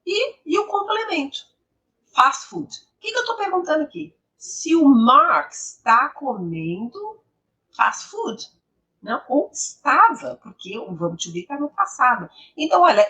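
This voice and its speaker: A woman teaching English grammar, explaining slowly and repeating each example sentence with emphasis. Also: sits high, bright, forceful tone, recorded from a distance.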